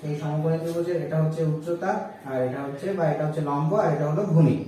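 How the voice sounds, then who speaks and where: A man's voice: a little high, fairly even intonation, fast, dark tone. Echoey distant male physics teacher. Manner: repeats and asks students rhetorical questions. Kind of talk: board lesson explanation. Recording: echoey room heard from a distance with faint noise.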